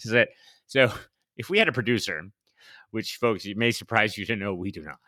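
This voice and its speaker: A man's voice: on the low side, brisk, sharp tone, dry recording, clean studio sound. A man co-hosting a podcast in casual banter, joking, laughing often and trying out silly accents. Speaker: podcast co-host.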